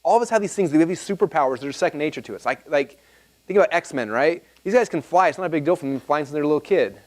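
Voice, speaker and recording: A man talking to a live seminar audience, telling rambling, animated stories full of fillers and restarts. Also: on the high side, very fast. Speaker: marketing seminar speaker.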